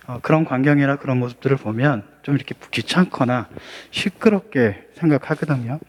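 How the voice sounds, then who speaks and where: 차분하게 설교하는 남자 목사. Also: male voice, medium pitch, a little mellow. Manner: measured, pausing, rising to earnest questions. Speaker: pastor. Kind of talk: sermon and prayer.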